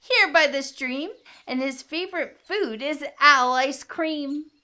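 A woman's voice: sits high, slow, pitched above the performer's own voice, exaggerated voice. A woman doing a chirpy little boastful mouse. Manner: chirpy and excitable. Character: small clever brown mouse, bold and boastful. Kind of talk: storybook read-aloud.

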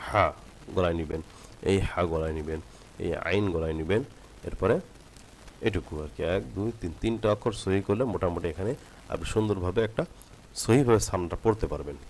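A man teaching Quran recitation. He reads phrases slowly and drawn out, then explains the rules quickly. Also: low-pitched, slight background noise. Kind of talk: tajweed lesson.

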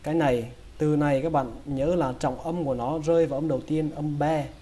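A man with a Vietnamese accent teaching English pronunciation, breaking each word into sounds and repeating it slowly. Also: on the high side, fairly even intonation, mellow. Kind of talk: slow, drilled pronunciation lesson.

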